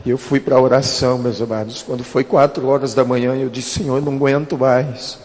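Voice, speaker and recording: A man's voice: medium pitch, little pitch movement, brisk, a little mellow, big-room sound. A man, a pastor telling a personal testimony earnestly and calling his listeners beloved.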